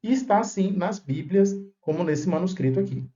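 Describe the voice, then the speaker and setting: A man's voice: sits high, expressive, moderate pace, warm tone. Man teaching in a dull, lo-fi recording. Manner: didactic, checks in with "tá?" and "né?". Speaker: Bible manuscript lecturer. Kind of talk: explanatory video lesson.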